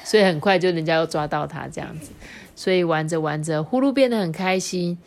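A young mother with a Taiwanese Mandarin accent reading a picture book aloud to a child, chatty and animated. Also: low voice, brisk, vocal fry. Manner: chatty, animated, explaining asides.

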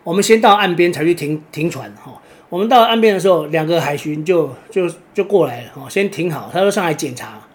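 A man with a Taiwanese Mandarin accent telling a personal story casually, rambling and filling pauses with drawn-out "oh"s. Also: fairly high pitch, animated. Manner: rambling, fills pauses with drawn-out "oh"s, restarts words. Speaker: kitesurfer vlogger.

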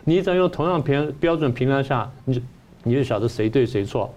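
A man's voice: medium pitch, expressive, quick pace, a little mellow. A man, a professor giving political commentary who argues his point through repeated rhetorical questions. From Taiwan.

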